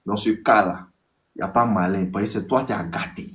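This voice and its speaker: Speaking at a normal speed in a somewhat bright voice, an Ivorian man with an Ivorian French accent offers relaxed dating tips on a live stream. He keeps repeating himself, speaks straight to his audience, and mimics text conversations in a higher pitch.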